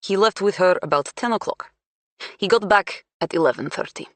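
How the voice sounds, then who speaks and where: A woman's voice: mid-range voice, moderate pace, fairly bright tone, no echo, natural voice. A woman reading an audiobook, voicing a fierce, proud female suspect who speaks in clipped, broken English. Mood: scornful.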